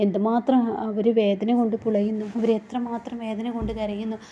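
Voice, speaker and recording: A woman's voice: a little high, level tone, brisk, mellow, lo-fi sound, a little hiss or hum, close to an everyday voice. A woman voicing a meek, devout young wife who pleads politely. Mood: pleading.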